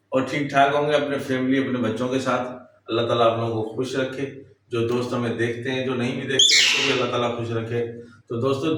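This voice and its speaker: A man vlogging casually, talking to viewers and coaxing and scolding his pet birds beside their cages. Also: mid-range voice. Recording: very echoey, distant from the mic, noisy.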